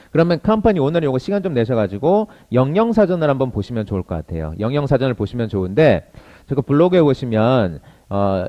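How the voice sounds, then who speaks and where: A man teaching English to Korean learners in an online lesson, drilling phrases briskly and slowing down for model sentences. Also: medium pitch, muffled recording.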